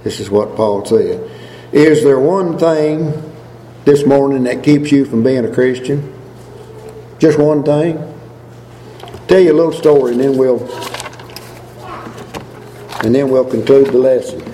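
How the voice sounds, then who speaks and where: A man's voice: medium pitch, a little slow, pauses often, warm tone. A man preaching a sermon in a folksy storytelling way, repeating phrases for emphasis. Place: large reverberant church room. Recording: echoey hall, distant mic, faint noise.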